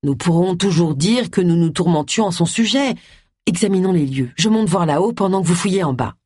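A reader voicing a stubborn, sharp-minded middle-aged woman sleuth in an audiobook, thinking aloud with determination. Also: lowish voice, lively intonation, a little fast, slightly rough, no echo, studio quality. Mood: urgent.

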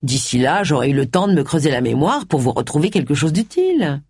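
A leering older male politician from an audiobook, smug and suggestive, as a woman reader puts him on. The husky, fairly low voice rises and falls a lot. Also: very animated, brisk, a little mellow, dry recording, clean studio sound, exaggerated voice.

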